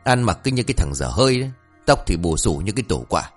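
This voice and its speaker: A man voicing a cheeky, talkative young male villager who speaks in a raised, whiny, excitable voice. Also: low voice, quick pace, faint music behind. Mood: tattling.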